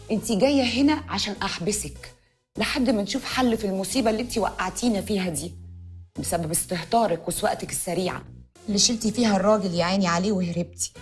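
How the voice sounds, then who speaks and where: A woman's voice: medium pitch, quick pace, soft background music, lightly acted. An actress with an Egyptian accent playing a worried sister who scolds and pleads with her sibling. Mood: scolding.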